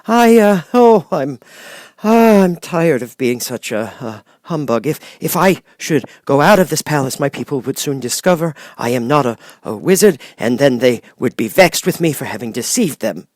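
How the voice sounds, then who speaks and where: A man's voice: medium pitch, animated, moderate pace, a little mellow, no room sound, studio quality, voice pushed up, close to an everyday voice. A man voicing a nervous, flustered little humbug wizard for an audiobook, stammering and repeating his words. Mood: flustered, sheepish. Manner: stammering, hesitant, repeating words with ums and chuckles. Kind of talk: audiobook character voice.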